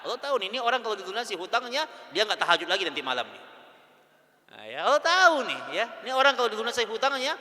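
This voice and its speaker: A man preaching a sermon in a mosque hall, lively, swinging between loud emphasis and soft asides. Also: sits high, racing. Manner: addresses women listeners as "Bu".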